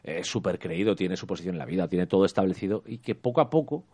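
A man chatting casually as a podcast co-host about a TV series, rambling and animated. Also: low-pitched, fast. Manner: rambling, animated, quotes characters. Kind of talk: casual chat reviewing a TV series.

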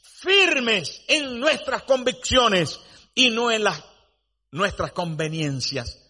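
Emphatic high-voiced man preaching. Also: lively intonation, takes it slowly, bright, forceful tone. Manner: dramatic storytelling, rising to emphatic declarations. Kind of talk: sermon.

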